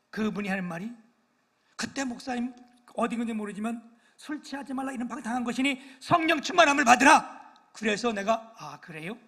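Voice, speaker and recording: An older man preaching a sermon as pastor, telling stories with hushed asides and loud exclaiming peaks, teasing his congregation. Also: high-pitched, husky. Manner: self-deprecating, teases the congregation for no amens. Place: church sanctuary.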